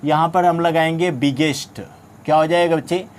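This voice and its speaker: In a classroom-style grammar lesson, a man with an Indian accent speaks at normal speed in a steady, fairly high voice. He poses questions and answers them himself, frequently checking that his listeners are following.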